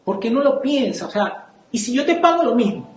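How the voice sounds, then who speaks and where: A man's voice: very high voice, animated, normal speed, echoey room, slight background noise, rough recording. A man with a Venezuelan accent giving a sermon testimony, telling a story and acting out the dialogue with animation. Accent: Venezuelan Spanish. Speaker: church speaker. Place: church.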